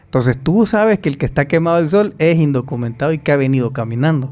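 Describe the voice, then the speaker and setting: This podcast guest speaks fast in a fairly high-pitched voice, telling stories during an interview. He's animated, acting out the voices of whoever he's quoting.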